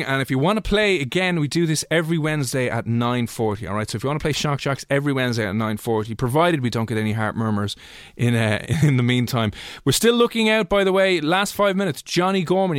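A man's voice: mid-range voice, dry recording. Chatty Irish male radio host, dry close sound. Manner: chatty, informal. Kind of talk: radio show presenting and competition promotion.

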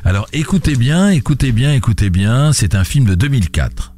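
A man hosting a radio film show and running a blind-test quiz in a joking, lively way. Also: medium pitch, moderate pace, music in the background. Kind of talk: casual chat, quiz hosting.

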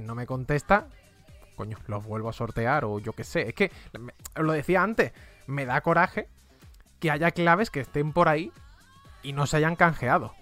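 A man with a Spain Spanish accent and a somewhat bright, medium-pitched voice chats casually on a live stream, running game giveaways and muttering exclamations along the way.

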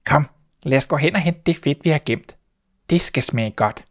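A man reading a fairy tale aloud, voicing a timid, trusting little female mouse in a high, startled squeak. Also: lightly acted. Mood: musing.

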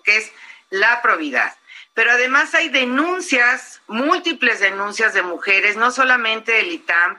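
A woman with a Mexican accent, speaking forcefully and emphatically as a guest in an interview. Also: mid-range voice, slight background noise, low-quality recording.

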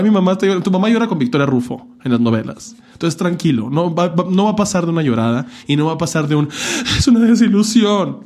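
A man's voice: mid-range voice, a little mellow. A man with a Mexican accent talking casually and earnestly, giving blunt advice with campy, profane asides. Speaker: podcast guest telling his coming-out story. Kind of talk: casual chat.

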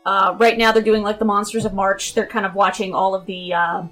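A woman's voice: medium pitch, little pitch movement, fairly quick, fairly bright tone, soft background music, rough recording. Rambling woman with a Tennessee accent. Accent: Tennessee Southern. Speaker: podcast guest or panelist. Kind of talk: casual podcast chat.

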